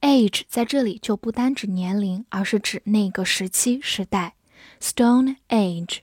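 A woman teaching English vocabulary, who spells words letter by letter and reads example sentences slowly. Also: mid-range voice, darkish tone, slightly rough, dry recording, clean studio sound. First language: Chinese. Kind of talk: slow, clear vocabulary lesson.

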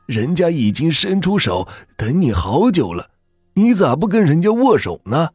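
A man voicing a cheerful, eerie old morgue keeper gone mad, in a folk ghost story, with a husky, theatrical storyteller's cadence. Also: fairly high pitch, big pitch swings, moderate pace, darkish tone, no echo, faint music behind, voice pushed up. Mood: eerily cheerful.

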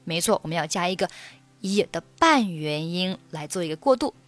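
Young woman, pronunciation teacher, slow repeated drills, dry close mic, faint music underneath. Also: on the low side, animated, no room sound. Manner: explains step by step, repeats English phrases slowly for drilling. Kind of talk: spoken English lesson.

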